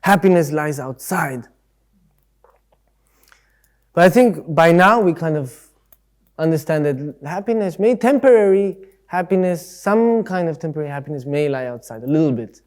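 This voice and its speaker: Man giving a relaxed Buddhist talk. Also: on the high side, moderate pace, long pauses. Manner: conversational, leans on everyday examples; acts out voices in quotes. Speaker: speaker at a Buddhist centre. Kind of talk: casual spoken Dharma talk.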